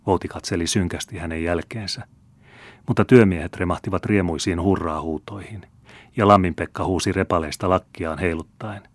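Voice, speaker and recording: A male audiobook narrator reads a classic tale in an even, measured way. His voice is very low and deep. The recording is dry, with no room echo. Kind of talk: scripted narration.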